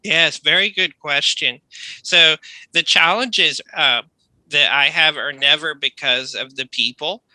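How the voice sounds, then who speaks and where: Very bright, crisp-edged American man, dry sound. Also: fairly high pitch, measured pace, dry recording, poor audio. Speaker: accent coach, online tutor. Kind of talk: explanatory conversation.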